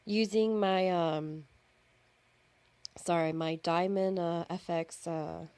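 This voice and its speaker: A woman's voice: fairly low pitch, steady tone, takes it slowly, a little mellow, smooth, dry recording. A woman narrating her own face-paint tutorial in a chatty, informal way, often correcting herself and using fillers. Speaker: makeup artist. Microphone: camera and phone.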